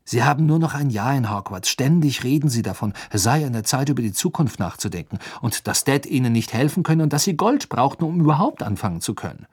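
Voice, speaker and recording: A man voicing a skeptical, blunt teenage boy in an audiobook, talking in a quick, agitated way. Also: medium pitch, lively intonation, slightly rough, no echo, clean studio sound, voice pushed up.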